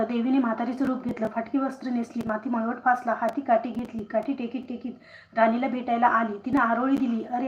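A woman storyteller narrating a devotional tale in a steady, rhythmic manner on a live stream. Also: a little high, dull audio. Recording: roomy echo, faint noise.

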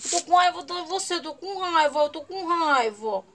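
A woman's voice: extremely high pitch, lively intonation, normal speed, fairly bright tone, voice pushed up. A woman voicing a jealous pet dog who whines and pleads for kisses. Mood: whiny jealous. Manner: whiny, pleading.

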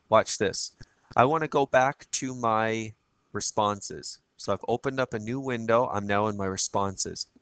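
A man with a froggy, croaky voice giving a casual screencast tutorial as a teacher, chatting through each step and often checking in with "okay?". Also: medium pitch, fairly bright tone, dry recording.

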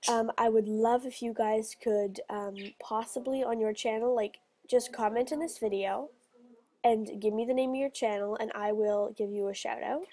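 Teenage girl, video host, casual game chat, bubbly, chatty, raspy fry. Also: fairly high pitch, fairly even intonation, warm tone. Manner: bubbly, chatty, quick gasps of delight. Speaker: channel host.

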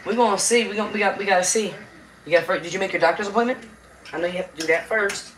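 A cooking livestream host chats casually with her viewers from her home kitchen, greeting them by name through a tablet close by on the counter. She speaks quickly in a raspy, medium-pitched voice with a drawl. The recording is rough, with a little hiss or hum.

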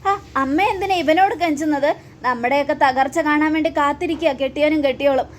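A woman's voice: sits high, quick pace, slight background noise, natural voice. A woman voicing an arrogant, hot-tempered young woman who talks scornfully and makes threats.

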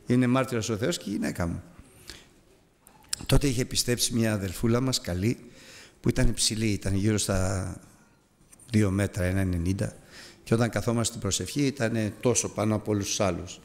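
A man's voice: on the low side, pauses often, a little mellow, long reverb tail. A man preaching a sermon as a personal story, earnest and confessional, acting out voices and sound effects as he goes.

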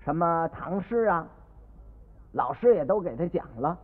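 A man narrating a comic monologue in a lively way, shifting into different voices for each character. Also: on the high side, a little slow. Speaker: comic storyteller. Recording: tinny old radio recording with long reverb.

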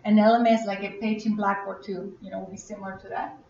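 A woman giving a live workshop presentation, chatty and quick to ask the audience questions. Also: medium pitch, little pitch movement, a little mellow, a little hiss or hum. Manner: chatty, asks audience questions, laughs often. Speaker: conference presenter. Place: conference room. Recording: echoey, muffled room recording.

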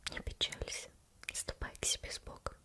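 Storybook golden fish, woman reader: female, magical, calm and kindly, soothing whispered role-play. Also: normal speed, lightly acted. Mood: calm, reassuring.

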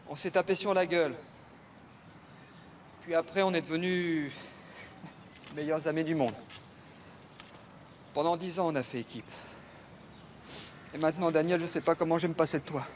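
A man's voice: fairly high pitch, fairly even intonation, normal speed, long pauses, a little hiss or hum, natural voice. An actor playing a loyal, blunt policeman in a TV drama, talking in a plain colloquial way. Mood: grieving, earnest. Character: loyal blunt police officer, godfather to a boy. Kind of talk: French TV film drama acting.

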